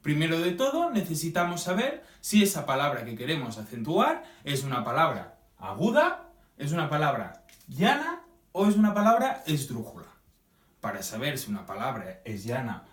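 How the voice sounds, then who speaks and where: Heard from afar in a large room with plenty of echo, a lively male teacher works through a grammar lesson. His voice rises and falls dramatically, he stretches out his examples, and he often pauses to ask "¿sí?"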